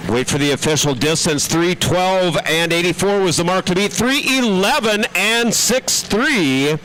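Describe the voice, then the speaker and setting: A man's voice: sits high, animated, unhurried, fairly bright tone. An American man announcing a tractor pull live at an outdoor track. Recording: noisy outdoor event, vehicle engines.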